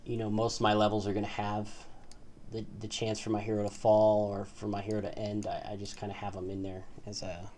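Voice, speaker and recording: A man's voice: lowish voice, completely flat delivery, a little fast, a little mellow, a little hiss or hum. A man giving a casual, hesitant coding tutorial, full of fillers and asking "right?" as he walks through his screen. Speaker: tutorial host.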